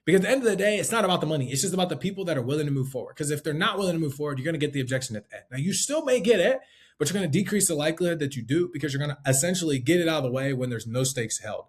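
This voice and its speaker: This life insurance sales instructor talks very fast, his fairly high voice expressive as he keeps things casual. Fillers and tag questions run all through his relaxed, conversational teaching.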